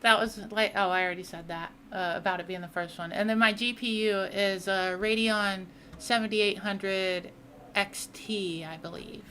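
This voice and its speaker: A woman's voice: medium pitch, steady tone, normal speed, pushed and bright, a little hiss or hum. Chatty woman streaming a racing sim. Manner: chatty, reads and answers chat mid-race. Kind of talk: casual live-stream chat while racing.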